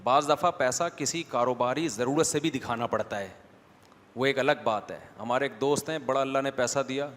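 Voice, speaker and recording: A man's voice: mid-range voice, a bit bright. A man preaching an Islamic lecture in a conversational way, putting rhetorical questions to his listeners. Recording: long hall reverb.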